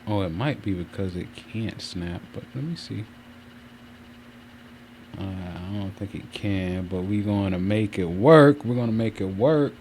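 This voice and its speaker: A man's voice: lowish voice, a little slow. A man chatting casually on a livestream from a room at home, rambling and often circling back to repeat himself. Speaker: streamer hosting a channel. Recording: clear steady fan noise. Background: fan running.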